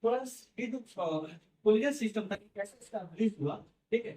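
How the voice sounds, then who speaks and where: A man's voice: sits high, lively intonation, normal speed, mellow. A man teaching a class, explaining step by step and often checking in with his students. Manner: explains step by step, repeats "theek hai" and "hai na". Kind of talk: classroom lecture. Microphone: no microphone, far from the recorder. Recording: echoey classroom from far off.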